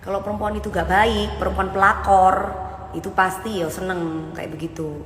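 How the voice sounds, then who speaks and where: A woman talks on a casual live stream, bluntly scolding and lecturing her viewers. Her voice sits at a middle pitch. It rings through an echoey room with a long reverb and faint noise underneath. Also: flat delivery, normal speed, fairly bright tone. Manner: blunt, scolding, mixes Javanese into Indonesian. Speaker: live-stream host reading viewer comments.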